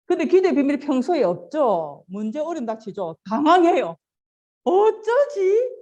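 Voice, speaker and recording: Lively woman preaching to children. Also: high voice, brisk, highs cut off. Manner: animated storytelling, asks children questions, acts out quoted lines. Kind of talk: children's sermon.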